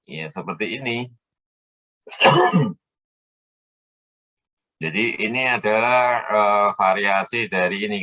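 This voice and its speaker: A man lecturing on a technical subject, explaining step by step, often checking that students follow and pausing on filler sounds as he thinks. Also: deep voice, bright, forceful tone, highs cut off. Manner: hesitant fillers while thinking aloud. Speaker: university lecturer.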